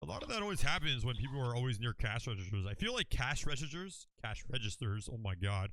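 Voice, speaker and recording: Podcast co-host, man, Southern Californian accent, quick, joking, profane, bright and forceful, faint noise. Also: mid-range voice, sing-song. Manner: fast, joking, profane, says "bro" a lot. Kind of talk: casual chat, joking riffs.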